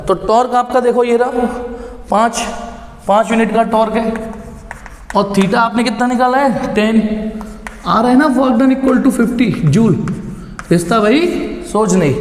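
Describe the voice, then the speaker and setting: A man's voice: extremely high pitch, a little mellow. A male physics teacher working through a problem step by step, repeating key phrases and mixing in English terms. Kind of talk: blackboard lesson. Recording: echoey room with long reverb.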